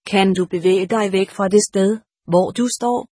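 A woman's voice: medium pitch, steady tone, warm tone, husky, no room sound, studio quality, close to an everyday voice. A woman voicing a bewildered, earnest young male soldier's ghost with an anxious, pleading manner in an audiobook. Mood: worried. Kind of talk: audiobook character reading.

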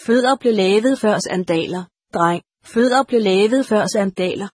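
A woman's voice: mid-range voice, darkish tone, husky, dry recording, clean studio sound, close to an everyday voice. A woman voicing a pompous, irritable old male monastery steward who scolds and grunts to himself, in an audiobook. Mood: stern. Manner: blustering, scolding, grunts "hmmm". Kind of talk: audiobook character voice.

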